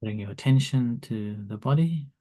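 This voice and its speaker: Monk softly guiding a calm grounding meditation. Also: male voice, mid-range voice. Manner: slow, gentle, softly spoken instructions with long pauses. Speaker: Buddhist monk teaching meditation.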